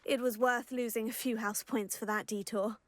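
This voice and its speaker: A woman's voice: a little high, steady tone, normal speed, close to an everyday voice. An actress playing a polite, bold and curious teenage witch student in a video game, with a composed, courteous manner. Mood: playful. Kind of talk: video game dialogue acting.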